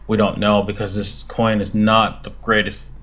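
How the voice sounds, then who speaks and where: A man giving casual crypto market commentary like a crypto bro, speaking in a hesitant, halting way. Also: fairly low pitch, little pitch movement, fairly bright tone, muffled recording. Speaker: crypto analyst guest.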